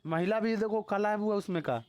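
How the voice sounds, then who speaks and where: A man's voice: sits high, fairly quick. Bihari-accented male physics teacher. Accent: Bihari Hindi. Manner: repeatedly quizzes students, scolds and teases them. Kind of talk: live classroom lecture. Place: classroom.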